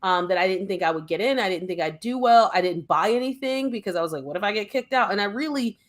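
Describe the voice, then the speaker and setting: A woman from Philadelphia talks casually as a podcast co-host. She is animated and digressive, restarting her sentences often as she works through her thoughts. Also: medium pitch, fast talker. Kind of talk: casual conversation.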